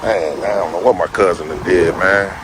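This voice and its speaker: A man's voice: low voice, moderate pace, noisy background. A man filming officers outdoors, talking casually and informally, often repeating himself and laughing in disbelief. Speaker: citizen journalist filming an arrest. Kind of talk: casual confrontational talk with officers. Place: outdoors on a street.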